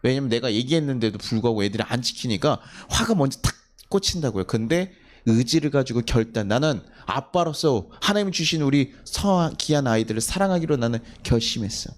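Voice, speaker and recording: A man's voice: mid-range voice, lively intonation, a little fast. A middle-aged male pastor preaching a sermon in a church. He keeps putting questions to the congregation and then answers them himself. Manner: acts out quoted family scolding in a livelier voice. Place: church sanctuary.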